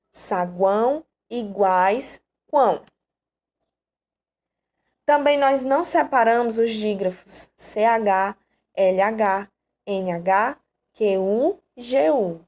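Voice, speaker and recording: A Brazilian woman teaches an online grammar lesson, explaining patiently and checking in with her students often. Her voice is a little high.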